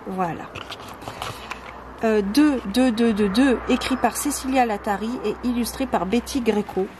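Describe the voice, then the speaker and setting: A woman with a slightly high voice hosts a casual home video showing her oracle cards, speaking with frequent pauses, fillers and restarts. When she reads the card texts, her tone turns soft and calm. Background noise is clearly audible.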